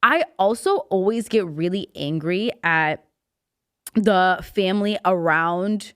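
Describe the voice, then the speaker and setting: A woman's voice: lowish voice, expressive, takes it slowly, smooth, no echo. A young woman co-hosting a podcast, talking in an emphatic, exasperated way, recorded in a studio. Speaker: podcast co-host. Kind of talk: casual chat.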